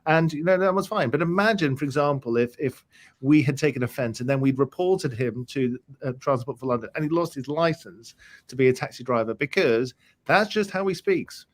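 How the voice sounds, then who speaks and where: Guy on a panel telling a story, easygoing, medium pitch. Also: a little fast. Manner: relaxed anecdotal storytelling. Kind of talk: panel discussion.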